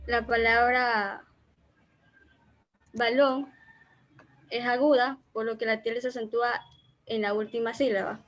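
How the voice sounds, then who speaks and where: A woman's voice: on the high side, little pitch movement, unhurried, pauses often, a bit bright, low-quality recording. A woman student answering a class exercise, hesitating and restarting as she explains.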